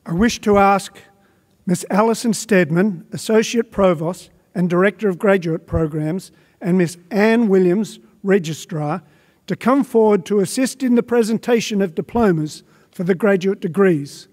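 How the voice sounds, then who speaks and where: At a graduation ceremony in a big arena, an older emcee with a high, darkish voice reads titles at normal speed into a podium mic. His stately announcements carry small stumbles, and the hall adds a long reverb.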